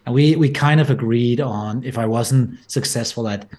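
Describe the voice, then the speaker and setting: A man's voice: medium pitch, moderate pace, a little mellow. A man in his forties from Denmark with a Danish accent, a guest on a podcast interview, talking thoughtfully with many restarts. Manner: frequent restarts and repeated words, thoughtful. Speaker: guest entrepreneur.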